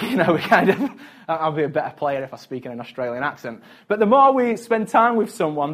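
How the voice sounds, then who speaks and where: A male pastor preaching a sermon in a conversational, chatty way, with chuckles between his points. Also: on the high side.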